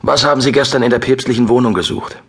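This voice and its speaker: A man's voice: mid-range voice, quick pace, a bit bright, husky, pitched above the performer's own voice. A man voicing a bull-necked guard commander in his early fifties, who talks in a cold, hissing, threatening way and drops into menacing whispers.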